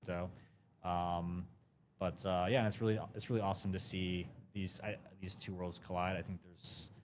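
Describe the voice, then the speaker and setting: Deep-voiced man, relaxed conference guest. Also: slight background noise. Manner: relaxed, many ums and uhs. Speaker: guest, crypto marketing lead. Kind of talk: casual interview answers. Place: conference floor.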